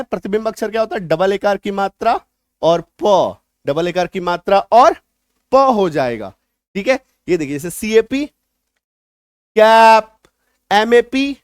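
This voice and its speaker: Male teacher, high voice, coaxing and repetitive, punches key words, dry close mic. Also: no echo. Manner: repetitive, coaxing teacher talk that checks the listener understands; stresses example words loudly. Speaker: English teacher. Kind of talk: spoken lesson for learners.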